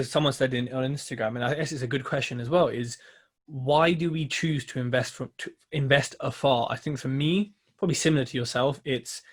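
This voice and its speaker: A man with an average-pitched voice lays out his reasoning in a measured, step-by-step way. His podcast chat is relaxed and full of fillers. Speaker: podcast co-host, property investor.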